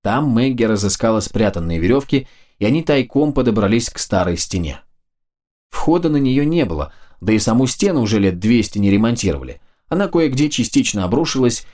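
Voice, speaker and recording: Low-voiced man narrating a fantasy audiobook. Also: a little mellow.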